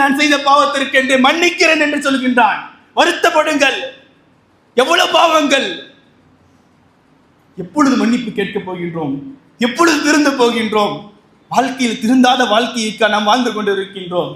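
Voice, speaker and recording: A man's voice: very high-pitched, bright, forceful tone. A man preaching a sermon on repentance, impassioned, repeating his lines and asking rhetorical questions. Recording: echoey room.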